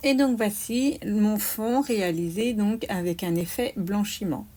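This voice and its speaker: Slow-talking woman demonstrating crafts. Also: mid-range voice, dark tone. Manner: slow, explaining each step aloud, small "hop" asides. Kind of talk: step-by-step crafting tutorial.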